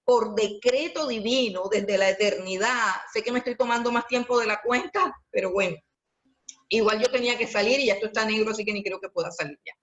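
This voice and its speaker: A woman's voice: mid-range voice, fairly bright tone. Earnest woman pastor preaching, lo-fi sound. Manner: earnest, exhorting, quotes herself in asides. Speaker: pastor and theology teacher. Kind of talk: personal testimony sermon. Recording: dull lo-fi recording.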